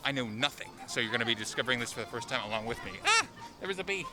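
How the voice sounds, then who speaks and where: The host's medium-pitched voice is expressive and racing as he narrates his travel vlog. Walking around an amusement park outdoors, he chats and jokes casually against loud park music.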